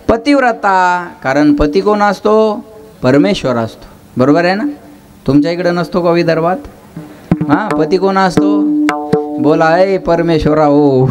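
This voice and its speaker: A high-pitched man preaching a devotional sermon. He chants verses, then teases and quizzes his live audience. Instruments play clearly behind him. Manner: teasing, jokes and questions with the audience. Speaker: kirtan preacher.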